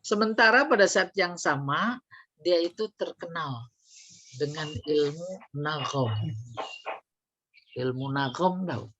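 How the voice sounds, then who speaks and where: A woman teaching a study lesson, explaining slowly and quizzing her class with questions. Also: sits low, animated, noisy background. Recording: dull lo-fi recording.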